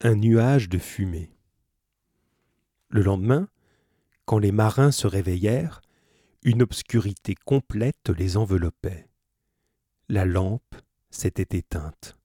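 A man reading a novel aloud, steady narration broken by playful, joking asides to his listeners. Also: on the low side, takes it slowly, long pauses, dry recording, studio quality. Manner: playful, breaks off to joke and comment. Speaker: audiobook reader.

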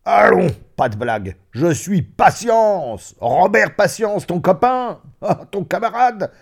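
A man voicing a boisterous, vulgar male old schoolmate who boasts loudly and laughs through his words, in a story reading. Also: sing-song, takes it slowly, creaky, exaggerated voice. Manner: loud, laughing, booming exclamations. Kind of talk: audiobook reading of a classic story.

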